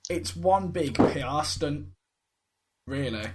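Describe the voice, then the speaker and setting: A man's voice: a little high, expressive, slow, noisy background. A man co-hosting a podcast, teasing his friends and swearing freely in casual banter. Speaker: podcast co-host.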